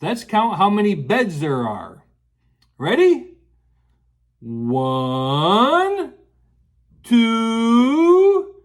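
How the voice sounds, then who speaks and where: A storyteller in a rambling grandpa style, reading to children with folksy asides and questions. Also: mid-range voice. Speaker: children's story show host.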